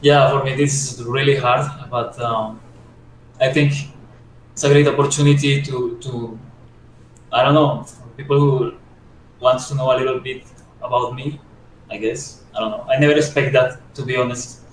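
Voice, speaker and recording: Hesitant man from Colombia, guest sculptor, modest, halting answers, roomy distant sound. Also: mid-range voice, steady tone. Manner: hesitant, modest, many fillers and restarts. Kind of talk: casual interview answers. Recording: echoey room, distant mic, faint noise.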